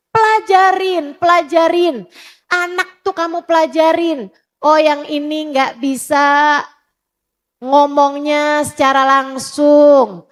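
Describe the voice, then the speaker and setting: Woman preacher, sermon to women, high voice, unhurried, emphatic with repeated points. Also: a bit bright. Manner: emphatic, repetitive, addressing the audience directly. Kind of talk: sermon to a women's study group.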